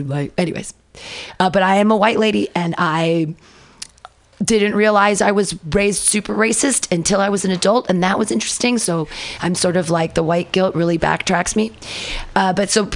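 A woman in her forties from California, a fill-in radio host, chatting in a bubbly, rambling, joking way. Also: fairly low pitch. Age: 40s. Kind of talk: casual radio chat.

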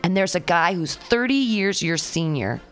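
A woman's voice: lowish voice, animated, moderate pace, smooth. Frank, crude-joking woman in her forties. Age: 40s. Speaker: podcast co-host. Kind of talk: casual chat.

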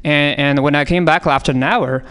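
A comedian from China with a Chinese accent riffs on audience prompts in a radio studio, improvising rambling comedy bits full of fillers and restarts. His voice is a little high, a bit bright, and clean, at a normal speed.

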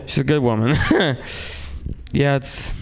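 A man doing a rambling, profane stand-up comedy set on a club stage, swinging between loud outbursts and low mutters. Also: slow pace, gravelly. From San Francisco, USA.

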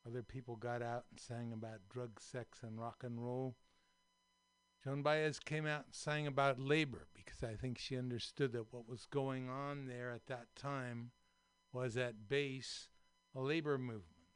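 A man in his seventies from San Francisco hosting a community radio talk show, slow and thoughtful with many fillers, in a radio studio. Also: medium pitch, steady tone, smooth, dry recording. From San Francisco, USA. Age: 70s. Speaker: radio host.

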